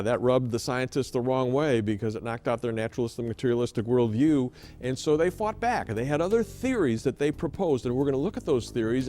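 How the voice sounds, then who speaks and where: A man's voice: medium pitch, warm tone, a little hiss or hum. A man hosting an interview program, posing direct questions and announcing what comes next. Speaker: host.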